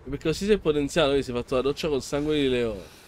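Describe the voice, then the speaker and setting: A man hosting a let's play, commenting excitably and yelling and pleading at the boss. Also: mid-range voice, rapid-fire, slight background noise. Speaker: gameplay channel host.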